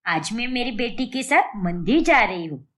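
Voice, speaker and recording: A woman's voice: a little high, very animated, moderate pace, fairly bright tone. A woman voicing a scheming, domineering mother-in-law in a cartoon story. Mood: bossy. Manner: scolding, domineering. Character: scheming bossy middle-aged mother-in-law.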